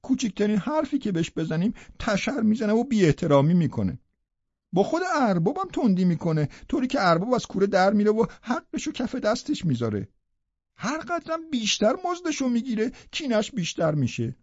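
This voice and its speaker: A man's voice: high-pitched, sing-song, no echo, muffled recording, heavily acted. A man voicing a blunt, sour housekeeper woman in an audiobook, grumbling disapprovingly. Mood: resentful. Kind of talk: audiobook character voice.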